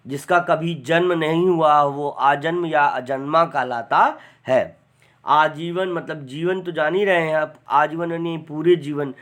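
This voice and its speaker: Man, teacher, online lecture, slightly high voice, chatty, dictates slowly. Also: steady tone, fairly bright tone. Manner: chatty, repeats "है ना" often; dictates word forms slowly and deliberately. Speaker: Hindi grammar teacher.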